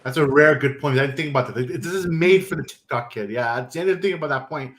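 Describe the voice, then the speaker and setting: A man hosting a podcast and chatting casually, animated and quick, with many restarts. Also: medium pitch. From New York. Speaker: podcast host. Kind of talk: casual chat.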